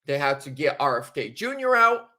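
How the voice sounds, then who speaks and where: Male political commentator, high voice, animated and emphatic, talks straight to viewers. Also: normal speed. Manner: animated, emphatic, repeats himself.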